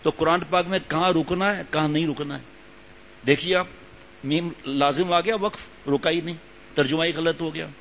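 Older man preaching, muffled and slightly high. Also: steady tone, fairly bright tone. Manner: conversational, repeats phrases for emphasis. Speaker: religious teacher. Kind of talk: sermon. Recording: muffled lo-fi recording with faint hum.

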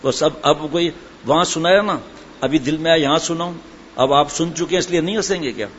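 A man's voice: a little high, fairly bright tone. A man preaching a sermon and telling humorous anecdotes in a chatty way, full of asides. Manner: conversational storytelling, chatty asides. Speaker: religious preacher. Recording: dull lo-fi with faint background noise.

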